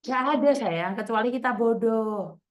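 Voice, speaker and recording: A woman's voice: on the high side, normal speed. A woman hosting a call-in chat, bluntly scolding a caller with rhetorical questions and repeated endearments. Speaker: host counseling a caller.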